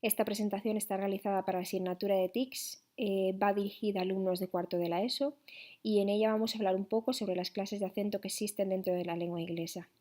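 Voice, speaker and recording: A young woman from Spain with a Spanish accent, a student teacher reading a classroom presentation slowly and carefully, with frequent "eh" fillers. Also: medium pitch, steady tone, warm tone.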